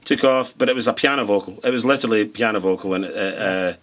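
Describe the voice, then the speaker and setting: A man's voice: on the low side, fast talker, a bit bright. A middle-aged man, a producer and songwriter, chatting in an interview, rambling with lots of restarts and fillers. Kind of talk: relaxed interview chat.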